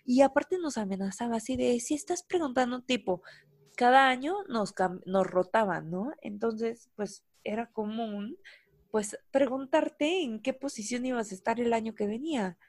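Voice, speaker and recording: A young Mexican woman tells a story on a podcast in slangy, animated talk full of fillers. Her voice sits a little high. It sounds close and dry, with no room around it. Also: normal speed, no room sound. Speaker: podcast co-host. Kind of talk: casual storytelling chat.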